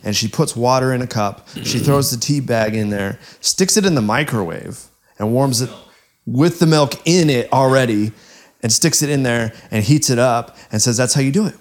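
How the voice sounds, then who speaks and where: A man's voice: medium pitch, normal speed. A man co-hosting a podcast, telling a story in a casual way and breaking into laughter often. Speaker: podcast co-host.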